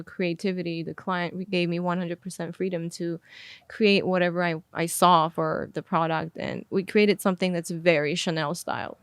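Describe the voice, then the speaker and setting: A woman's voice: fairly low pitch, clean tone, dry recording. A young adult woman born in Armenia, talking candidly as a podcast guest with lots of fillers as she thinks aloud. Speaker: podcast guest, music video director. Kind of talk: casual interview chat.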